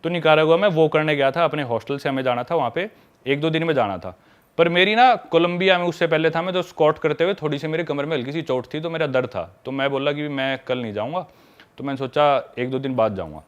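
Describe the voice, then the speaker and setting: A man's voice: a little high, quick pace, highs cut off. Man telling a travel story in a podcast. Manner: animated storyteller who acts out quoted dialogue; mixes English words into Hindi.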